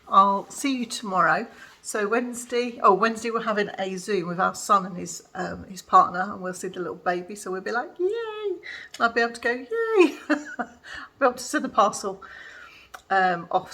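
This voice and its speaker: A woman's voice: medium pitch, a bit bright, slightly rough. An older woman chatting casually in a home crafting vlog, rambling with many fillers. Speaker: vlogger. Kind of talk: casual chat.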